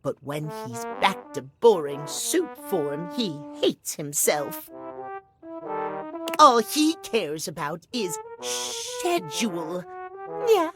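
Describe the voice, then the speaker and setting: A woman's voice: fairly low pitch, very animated, slow pace. A woman voicing a sleepy, playful, catlike male clock spirit in a video game, drowsy and teasing. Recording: clear music underneath.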